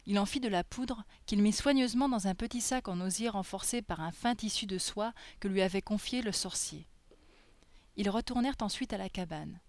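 A woman reading a fairy tale aloud in a soft, gentle storytelling manner. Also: mid-range voice, normal speed, dry recording.

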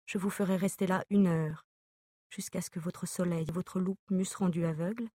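A woman reading the lines of an excitable, tactless male scientist in a storybook. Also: on the low side, moderate pace, no echo, close to an everyday voice. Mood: eager.

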